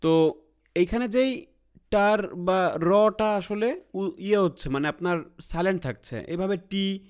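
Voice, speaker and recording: A man's voice: fairly high pitch, darkish tone. Bangladeshi man teaching with frequent check-ins. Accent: Bangladeshi Bengali. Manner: checks in often with "ঠিক আছে?", mixes in English terms. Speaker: IELTS teacher. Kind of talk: explanatory lesson.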